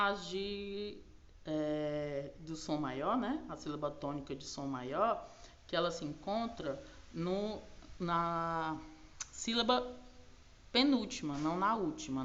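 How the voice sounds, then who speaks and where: A woman with a very low voice and a Brazilian Portuguese accent walks students through a class exercise. She is patient and checks in constantly with little tag questions. The recording sounds dull and lo-fi. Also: animated, a bit bright. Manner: patient, slow over key words, frequent tag questions. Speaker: teacher.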